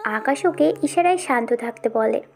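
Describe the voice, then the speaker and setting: A woman narrating a dramatized audio story in a steady storytelling way. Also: fairly high pitch, normal speed, creaky.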